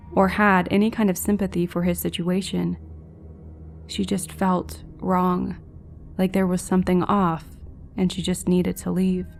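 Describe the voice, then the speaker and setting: A woman calmly narrating a scary true-encounter story in a measured, scripted way. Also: mid-range voice. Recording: faint background music.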